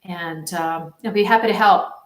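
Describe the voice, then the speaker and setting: Speaking at a moderate pace in a lowish voice, a woman rambles through an informal promotional talk. She plays a supportive phone marketing coach, and the sound is roomy with echo.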